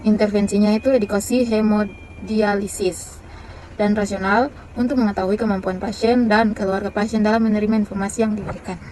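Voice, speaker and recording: A woman reads through a nursing care plan item by item, stumbling and restarting as she goes. Her pitch barely moves, giving a monotone, list-like delivery. Faint traffic noise sits behind her voice. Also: rough recording. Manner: halting, with many fillers and restarts.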